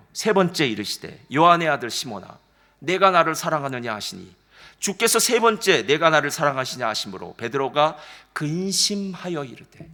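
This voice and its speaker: 생동감 있게 설교하는 남성 목사. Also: male voice, a little high. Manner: animated storytelling, acts out quoted dialogue; addresses congregation directly, frequent "예" fillers. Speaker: senior pastor. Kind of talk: sermon.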